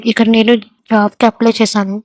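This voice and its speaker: A woman voicing a shy, polite young woman student in a storybook reading, close to her own fairly high voice. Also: level tone, brisk, darkish tone, no room sound, natural voice.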